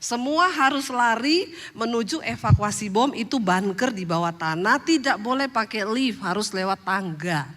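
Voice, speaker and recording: A woman's voice: fairly high pitch, expressive, moderate pace, a bit bright. A woman preaching a sermon, telling funny personal stories and often turning to the congregation in a chatty, joking way. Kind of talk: sermon told through humorous personal stories.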